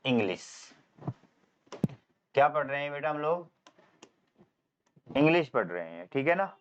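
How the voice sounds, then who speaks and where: High-voiced Indian teacher quizzing his class. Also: big pitch swings, a little slow, a little hiss or hum. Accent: Indian English. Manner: call-and-response questioning, calls students "beta". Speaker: English teacher for competitive exams. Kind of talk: classroom lecture. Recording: slightly dull lo-fi sound.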